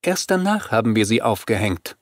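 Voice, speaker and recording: A man voicing a scornful female vampire queen who speaks calmly and mockingly in an audiobook. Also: on the low side, normal speed, no echo, clean studio sound.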